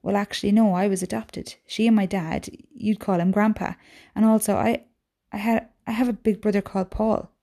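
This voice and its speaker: A woman's voice: medium pitch, fairly even intonation, moderate pace, creaky, mellow, pitched above the performer's own voice. A woman reading the part of a weary, tender young mother, speaking in an earnest, patient way.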